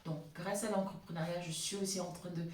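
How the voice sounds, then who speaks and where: A woman's voice: on the low side, fairly even intonation, a little fast, a little mellow. Lisping woman in an echoey room. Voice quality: slight lisp on sibilants. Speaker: vlogger, cleaning business entrepreneur. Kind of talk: personal storytelling monologue to camera. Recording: echoey room, distant microphone.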